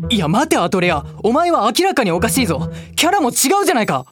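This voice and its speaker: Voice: medium pitch, sing-song, fast talker, close to an everyday voice. An actor playing a sensible, exasperated young male party leader in a fantasy drama, blunt and commanding but flustered. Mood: skeptical. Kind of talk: fantasy audio drama acting. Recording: music under the voice.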